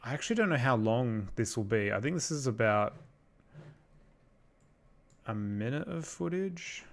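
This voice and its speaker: A young Australian man chatting casually on a livestream while he works on effects, rambling and thinking out loud as he answers chat. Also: medium pitch, animated, unhurried. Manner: rambling, thinks aloud, reads out chat questions. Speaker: livestreamer making visual effects.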